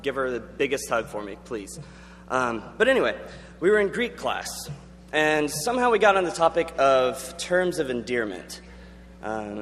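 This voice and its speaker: A man's voice: mid-range voice, a bit bright. A young man giving an earnest, conversational chapel talk with frequent ums. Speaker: student chapel speaker. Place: large chapel auditorium. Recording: long hall reverb, faint hum.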